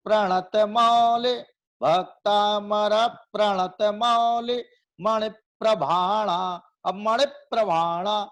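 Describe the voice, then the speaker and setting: High-voiced man teaching a hymn class. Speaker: religious teacher. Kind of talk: group class on recitation and meaning of a hymn.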